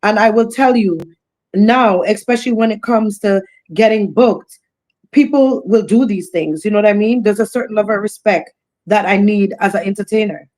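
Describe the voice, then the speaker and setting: Woman, reggae singer guest, bold and animated, mid pitch, repeats herself for emphasis. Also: moderate pace. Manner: bold, animated, laughs often, repeats phrases. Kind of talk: casual podcast interview.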